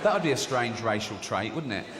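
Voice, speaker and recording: A man's voice: medium pitch, expressive, fairly quick. A British man doing a stand-up comedy routine in a large theatre, talking sardonically and often slipping into mocking voices. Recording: live theatre recording with long reverb and audience noise.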